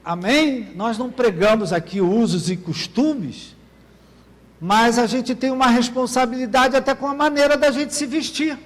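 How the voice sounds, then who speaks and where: High-voiced pastor in a reverberant church. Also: male voice, moderate pace. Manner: asks the congregation "Amém, querido?" often. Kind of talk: sermon.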